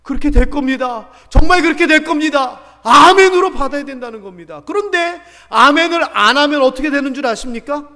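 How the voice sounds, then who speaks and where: A male pastor with a Gyeongsang accent, preaching a Sunday sermon in a church, emphatic, moving between loud calls and hushed near-whispers. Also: very high voice, brisk, few pauses. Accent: Gyeongsang Korean. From Gyeongsang region, Korea. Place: church sanctuary. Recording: long church hall reverb.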